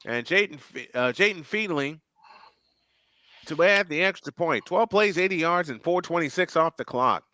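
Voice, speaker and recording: On a fan stream, a man provides live football play-by-play in a pushed, bright voice on the high side, animated and moderately paced, climbing sharply whenever a big play happens. There's no room sound.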